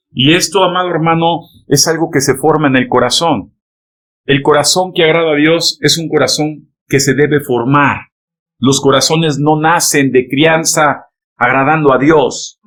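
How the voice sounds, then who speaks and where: A man preaches a sermon in a voice pitched somewhat high for a man. He talks straight to the congregation, tells them to turn to one another, and keeps tossing in rhetorical checks for agreement. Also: unhurried, fairly bright tone. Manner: emphatic preaching, peppered with rhetorical "¿verdad?" and "¿amén?" checks; addresses the congregation directly, telling them to turn to each other. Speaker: pastor.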